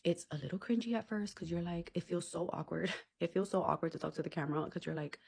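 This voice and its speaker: A woman with a fairly low voice rattles through advice at a quick clip. She talks to camera like a content creator, casual and blunt, dropping swear words and "like" as she goes. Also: creaky, darkish tone, breathy edge. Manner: chatty, blunt, casual swearing, frequent "like" and "okay?".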